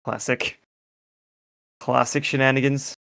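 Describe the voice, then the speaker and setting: A man from France, teasing his friends with deadpan quips in a gaming voice chat. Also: medium pitch, slow, vocal fry, clear, resonant tone, dry recording, studio quality. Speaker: gamer in group voice chat. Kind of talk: casual gaming banter.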